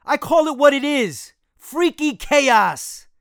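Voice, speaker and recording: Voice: medium pitch, sing-song, a little slow, fairly bright tone, dry recording, studio quality. An actor voicing a cocky, street-smart male chimpanzee who talks in brash slang in an audiobook. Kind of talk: audiobook character voice.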